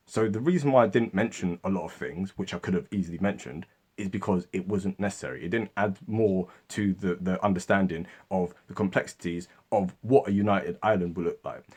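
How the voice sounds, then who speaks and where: A man's voice: sits low, a little mellow, husky. A man hosting a history channel, talking casually to the camera and mimicking commenters and friends in exaggerated voices.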